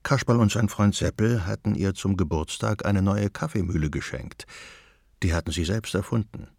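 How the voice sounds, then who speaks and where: A man narrating a children's storybook in a slow, deliberate storytelling manner. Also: deep voice, a little mellow, no room sound, studio quality.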